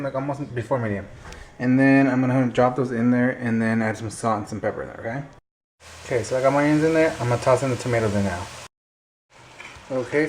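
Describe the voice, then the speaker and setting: A man's voice: medium pitch, a little mellow. Chatty man cooking over sizzling kitchen noise. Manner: informal, chatty, step-by-step, addresses viewers directly. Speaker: home cook presenting a recipe. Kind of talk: casual cooking tutorial. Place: indoor kitchen at the stove. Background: frying, sizzling and stirring.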